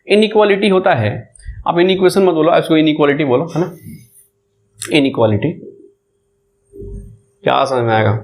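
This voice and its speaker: A man's voice: a little high, slight background noise. A man with a Bihari Hindi accent teaching a maths lecture, often asking the class questions and repeating key terms, with English words mixed into his Hindi. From India.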